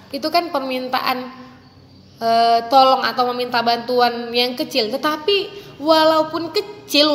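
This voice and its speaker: Bright-voiced woman teacher, echoing. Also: a little hiss or hum. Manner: gentle, coaxing, calls pupils dear; acts out children's rude and polite requests in a high voice. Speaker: primary school teacher. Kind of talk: online lesson for young children.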